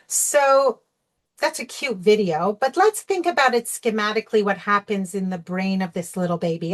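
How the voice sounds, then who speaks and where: A woman's voice: medium pitch, fairly bright tone. A woman coach leading an online workshop over a video call, talking conversationally and checking in with "okay?" and "you know". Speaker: sugar-free recovery coach. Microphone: video call microphone.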